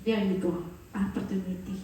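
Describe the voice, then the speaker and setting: A woman's voice: medium pitch, level tone, moderate pace, dark tone, a little hiss or hum. A woman preaching a sermon as she tells a story, acting out the quoted dialogue and laughing as she goes. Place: church hall. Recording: echoey hall, voice from far off.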